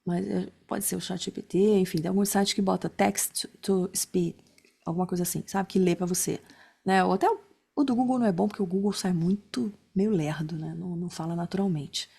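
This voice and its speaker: A woman's voice: lowish voice, fairly even intonation, brisk, creaky, dark tone, husky. A woman teaching an online class in a casual, chatty way, often tagging her sentences with little check-ins. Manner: chatty, many fillers like né and tá. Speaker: instructor.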